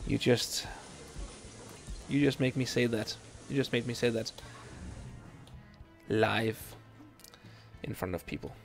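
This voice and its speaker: A man's voice: mid-range voice, creaky. A young Danish man, not a native speaker, streaming a video game and chatting casually with viewers, with many ums and restarts. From Denmark. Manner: relaxed, halting, lots of ums and restarts. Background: faint game music.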